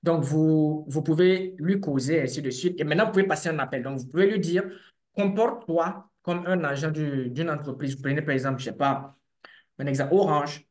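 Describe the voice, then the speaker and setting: A man, a developer and business owner, giving a lively conference talk and speaking straight to his audience while sharing his screen. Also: a little high, a little fast, echoey room. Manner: animated, conversational, addresses audience directly.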